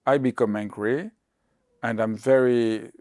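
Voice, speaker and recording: A man hosts an interview, asking questions in halting, hesitant English full of restarts. His voice sits in an ordinary middle pitch. The sound is close and dry, with no room echo. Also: fairly even intonation, darkish tone. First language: French. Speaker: host.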